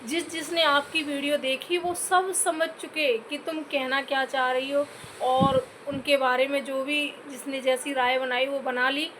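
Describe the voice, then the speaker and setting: High-voiced scolding woman vlogger. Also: little pitch movement, a little slow, a bit bright, a little hiss or hum. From Uttar Pradesh, India. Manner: scolding, repeatedly addressing listeners as "bhai"; earnest, pleading for comments. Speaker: YouTube vlogger. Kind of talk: direct-to-camera commentary rant.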